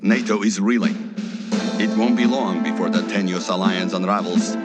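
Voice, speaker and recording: A man's voice: low-pitched, fairly even intonation, moderate pace, over loud music, close to an everyday voice. A man playing a fervent Soviet propaganda announcer reading a scripted broadcast in a war game. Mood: triumphant.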